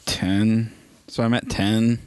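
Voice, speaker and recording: A man's voice: fairly low pitch, level tone, takes it slowly, a little mellow, no room sound. A man playing in a tabletop game, casual, blunt and wisecracking. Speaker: player.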